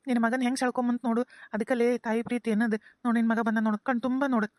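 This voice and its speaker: A woman voicing a gentle older village father with a North Karnataka accent, consoling and quoting proverbs, in a cartoon. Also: fairly high pitch, flat delivery, rapid-fire, no room sound, clean studio sound, close to an everyday voice. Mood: warm. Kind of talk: cartoon voice acting.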